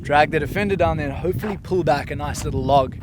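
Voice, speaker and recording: A man's voice: fairly high pitch, fast, noisy background. A man talking casually and enthusiastically to camera as an outdoor vlogger, using colloquial speech. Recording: loud background music. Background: loud music.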